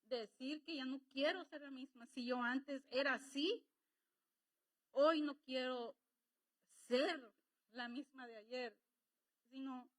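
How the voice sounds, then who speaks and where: A woman's voice: sits high, a bit bright, rough recording. A woman preaching a sermon in Latin American Spanish, conversational and emotional, with rising emphasis.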